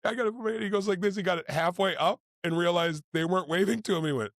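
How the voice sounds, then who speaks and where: A man's voice: high-pitched, quick pace, creaky, fairly bright tone, no room sound, studio quality. A man chatting casually as a podcast host, telling stories with the slightly slurred articulation of someone wearing braces. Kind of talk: casual animated banter and storytelling.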